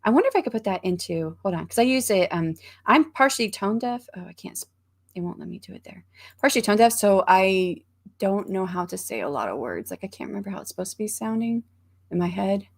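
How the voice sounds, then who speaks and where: Woman host, casual livestream chat, rambling and friendly, slight vocal fry. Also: medium pitch, expressive, brisk. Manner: chatty, rambling, many ums and restarts.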